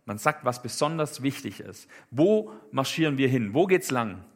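Male preacher, casual sermon, conversational, lots of fillers, mid-pitched voice. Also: sing-song, normal speed, breathy edge. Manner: conversational, with many fillers and rhetorical questions.

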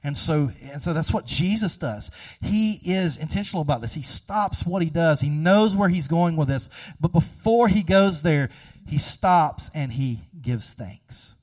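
A man in his thirties preaching a sermon, conversational and humorous, acting out little scenes and slowing down to stress key phrases. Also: on the high side, expressive, darkish tone. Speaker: pastor.

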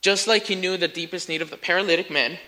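A man preaching a sermon, telling a story with lively emphasis and speaking to his listeners as friends. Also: high-pitched, fast. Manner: animated storytelling, rising to near-shouts in acted quotes.

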